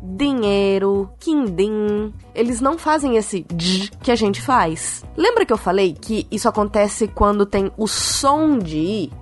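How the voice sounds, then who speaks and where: A woman's voice: medium pitch, sing-song, unhurried, hardly any pauses, breathy edge, soft background music. A woman on a science podcast explaining an answer to a child in a patient, teacherly way.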